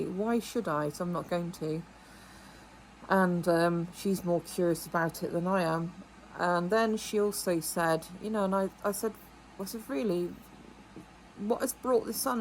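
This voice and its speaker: A woman's voice: fairly low pitch, a little hiss or hum, rough recording. A middle-aged woman from England telling a story in a rambling, indignant way to her vlog audience. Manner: rambling, indignant, with many asides and quoted dialogue. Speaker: vlogger. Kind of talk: casual storytelling monologue.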